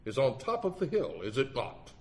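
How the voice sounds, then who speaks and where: A man's voice: mid-range voice, huge pitch swings, moderate pace, a little mellow, a little hiss or hum. A man voicing a stubborn, pompous male country lawyer who intones and huffs his questions. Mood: insistent. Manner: intoning, huffy insistence.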